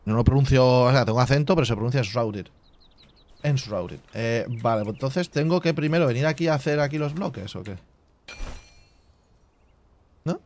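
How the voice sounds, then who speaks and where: A man hosting a casual let's play, reading game menus half to himself and chatting to his viewers with relaxed asides. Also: mid-range voice, a little fast, long pauses. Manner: chatty asides to viewers with filler tags like "tío". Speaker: gaming channel host.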